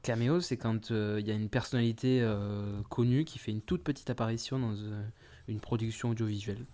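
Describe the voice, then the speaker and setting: A man's voice: fairly low pitch, fairly even intonation, a little fast, dark tone. Guy rambling through a casual chat, lots of ums and laughs. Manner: rambling, hesitant, laughs often. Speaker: podcast co-host. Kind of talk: casual banter.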